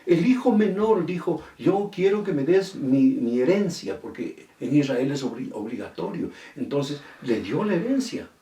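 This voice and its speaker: A middle-aged man preaches a sermon as pastor, telling a story and acting out what the people in it said. His voice is mellow and dark. He is heard from a distance in an echoey church. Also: a little high, sing-song, measured pace, hardly any pauses. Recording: echoey room from far off.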